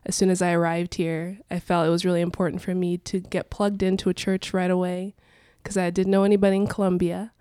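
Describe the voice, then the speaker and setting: A young woman born in Angola and raised in Portugal introduces herself conversationally as a podcast guest; she is a worship singer, and a cold leaves her voice congested. Her voice is lowish, mellow and smooth, with little pitch movement, delivered fairly quickly with few pauses. The recording is dry, with clean studio sound.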